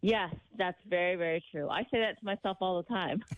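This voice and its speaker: A woman's voice: fairly low pitch, moderate pace. Woman guest on a tinny phone line. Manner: friendly, upbeat, many fillers. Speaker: guest dermatologist. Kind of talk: casual radio interview.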